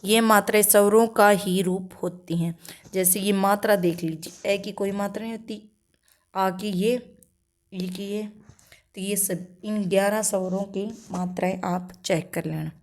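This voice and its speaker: A woman teacher runs through an exam-prep grammar lesson in a middle-pitched voice. She fires off questions and answers them herself in a steady drill. She keeps checking understanding with short "okay" tags between points. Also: measured pace.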